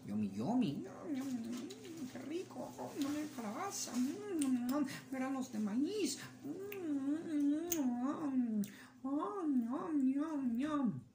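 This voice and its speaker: A high, squeaky little rabbit pleads and wheedles in a lively sing-song, as a woman storyteller puts him on. The voice rings in a roomy space with a faint hum behind it. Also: slow, heavily acted. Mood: munching happily. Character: small pleading clever male rabbit. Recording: roomy echo, faint ambience.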